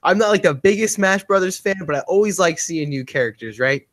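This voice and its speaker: Man, podcast co-host, chatty, emphatic, high pitch. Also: lively intonation, brisk, a bit bright. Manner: chatty, laughs often, emphatic asides like "okay?". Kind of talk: casual chat.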